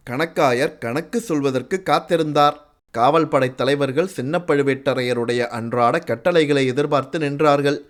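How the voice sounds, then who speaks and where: A man narrating an audiobook chapter in a measured, formal storytelling manner. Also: on the high side. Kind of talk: scripted literary narration.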